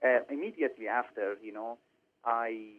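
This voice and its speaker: Iranian-born guy, director, lots of um and uh and restarts, middle pitch, tinny phone sound. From Iran. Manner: halting, many fillers and restarts. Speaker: film director. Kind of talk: interview over the phone.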